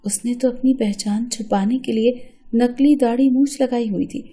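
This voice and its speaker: A woman's voice: a little high, fairly even intonation, mellow, husky. A woman narrating an emotional first-person story in an earnest storytelling manner.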